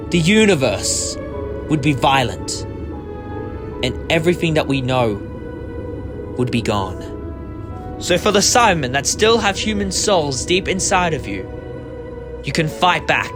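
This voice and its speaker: A fairly high-pitched man voices an eccentric, compassionate time-travelling hero in a sci-fi audio drama. He is talkative and theatrical, prone to making speeches.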